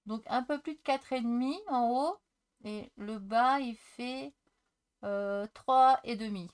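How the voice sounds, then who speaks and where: A woman's voice: fairly high pitch, slow pace, clean tone. A middle-aged woman chatting casually as she shows her crafts, thinking aloud and mocking herself. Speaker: crafting video host.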